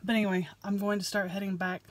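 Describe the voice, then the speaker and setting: A woman's voice: mid-range voice, fast talker. Chatty woman vlogging from a car. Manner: chatty and excitable, with many fillers. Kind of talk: casual chat to camera. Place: inside a moving car, driving. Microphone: dashboard camera. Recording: road and engine noise. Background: car noise.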